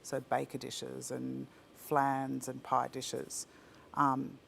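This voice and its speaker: A woman's voice: very deep voice, completely flat delivery, drawn-out words, creaky, fairly bright tone, slight background noise. An Australian woman who founded a ceramics company, chatting enthusiastically in an interview with frequent restarts. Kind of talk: casual interview chat. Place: virtual talk, faint room ambience.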